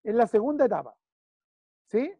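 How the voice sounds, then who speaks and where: A man's voice: very high voice, very animated, normal speed, warm tone, slightly rough, dry recording. A man with a Chilean accent coaching a client one-on-one, emphatic and repeating key phrases while he checks in. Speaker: business consultant.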